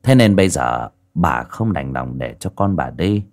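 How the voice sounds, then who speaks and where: Expressive male audiobook narrator. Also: very deep voice, a little slow. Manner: expressive, storytelling cadence. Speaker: storyteller.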